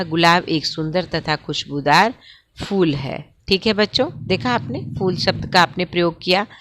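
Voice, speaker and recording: A woman teaching a first-grade class, speaking gently and patiently and often checking in with the children. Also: fairly low pitch, slight background noise. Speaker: primary school Hindi teacher. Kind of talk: online class lesson for young children.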